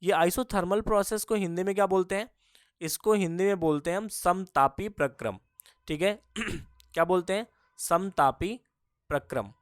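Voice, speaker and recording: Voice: mid-range voice, moderate pace, no room sound, studio quality. A physics teacher giving a lesson, who keeps asking questions and answering them, repeating each key term and calling the students kids. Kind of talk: classroom-style lecture.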